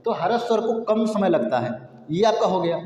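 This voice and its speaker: A man teaches a grammar lesson in a high, light voice, repeating each point and posing questions he answers himself. He sounds out syllables slowly to show their difference. His voice rings around an echoey room with a long reverb tail. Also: big pitch swings, a little mellow. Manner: repetitive, explanatory, asks and answers own questions; demonstrates sounds aloud. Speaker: Hindi teacher. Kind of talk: classroom-style grammar lesson.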